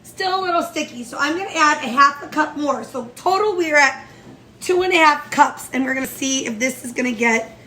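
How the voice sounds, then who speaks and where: A woman's voice: sits high, expressive, a little fast, sharp tone. A woman with a nasal, stuffy voice from allergies, chatting upbeat as she walks through a baking recipe in her home kitchen. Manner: chatty and upbeat, talks through each step. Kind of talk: casual cooking tutorial chat.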